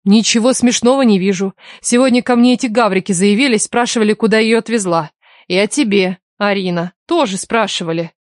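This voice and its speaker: A woman's voice: mid-range voice, brisk, dry recording, clean studio sound, lightly acted. A woman narrator voicing a flustered, respectable woman teacher who protests indignantly.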